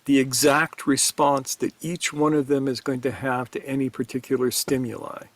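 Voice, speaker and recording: A man co-hosting a spiritual talk show, explaining ideas in a measured, emphatic way. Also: mid-range voice, level tone, no room sound. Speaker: podcast co-host teaching on Gurdjieff. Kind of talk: reflective spiritual discussion.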